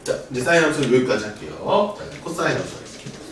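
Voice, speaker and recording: A man teaching math to a class, drilling students with call-and-response in a lively lecture. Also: medium pitch, very fast, far from the mic. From Korea. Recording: echoey room recorded from afar, noisy.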